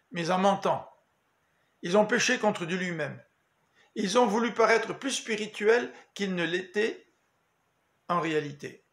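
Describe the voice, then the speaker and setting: A man giving a daily Bible meditation as pastor, in a measured, earnest preaching manner. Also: sits high, vocal fry, fairly bright tone. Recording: echoey room.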